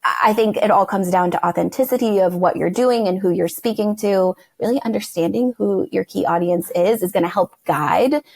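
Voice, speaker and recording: A woman's voice: mid-range voice, normal speed, gravelly, hardly any pauses, darkish tone, no echo. A woman guest talking casually about brand strategy on a podcast, chatty and full of "like" and "you know". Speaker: guest, verbal identity strategist.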